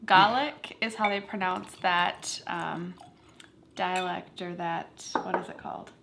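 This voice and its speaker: A woman's voice: lowish voice, fairly even intonation, a little slow, gravelly, noisy background. A woman co-hosting a casual whiskey tasting, chatty and playful as she describes the aromas.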